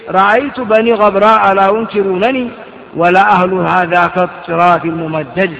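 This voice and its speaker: A man's voice: high voice, fairly bright tone. Man teaching grammar, asks rhetorical questions. Lo-fi lecture hall recording. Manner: reads a text aloud, then explains it with rhetorical questions. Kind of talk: classroom commentary on a grammar text. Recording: muffled, echoey lecture hall.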